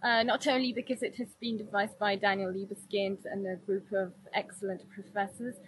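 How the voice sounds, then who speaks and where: A young woman from Madrid, giving a thoughtful statement about a course with frequent hesitant pauses. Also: mid-range voice, little pitch movement, slight background noise, low-quality recording. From Madrid, Spain. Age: young adult. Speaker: course participant. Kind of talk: self-recorded video statement.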